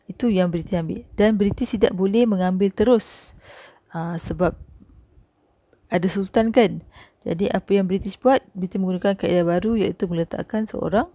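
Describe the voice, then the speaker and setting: A woman's voice: fairly low pitch, warm tone, no echo. Chatty Malaysian woman teaching history. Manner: chatty, with frequent "okey", "eh" and "ha" checks. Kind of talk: recorded classroom lesson.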